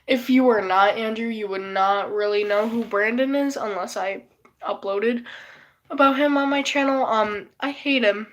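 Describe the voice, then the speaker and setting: A woman's voice: on the high side, normal speed. A woman who is sick and losing her voice, chatting casually on a live stream in a rambling, profane, gossipy way.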